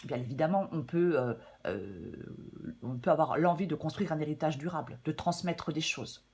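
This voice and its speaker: A slightly hoarse woman giving a casual, chatty weekly tarot reading, with many fillers and some throat clearing. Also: deep voice, moderate pace, a little mellow. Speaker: tarot reader.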